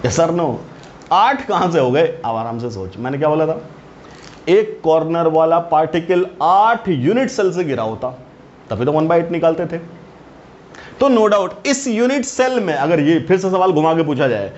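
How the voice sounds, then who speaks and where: A man's voice: fairly high pitch, big pitch swings, moderate pace. Questioning man teaching a class. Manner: keeps asking the students questions; calls students "beta". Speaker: chemistry teacher. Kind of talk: classroom lecture. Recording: dull lo-fi recording, faint hiss.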